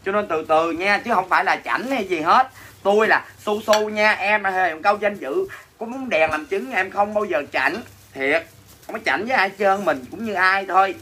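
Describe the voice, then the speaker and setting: A man hosts a casual livestream sale in a Southern Vietnamese accent, his high voice pushed and bright at a normal pace. He picks up viewer comments, reads them out, and answers with dramatic teasing and mock complaints. There is slight background noise.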